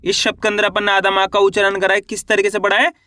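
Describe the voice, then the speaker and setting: A man teaching young readers, slowly sounding out syllables one at a time and then blending them into whole words. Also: high-pitched, completely flat delivery, bright, forceful tone, no room sound. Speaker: Hindi reading teacher. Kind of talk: slow syllable-by-syllable reading lesson.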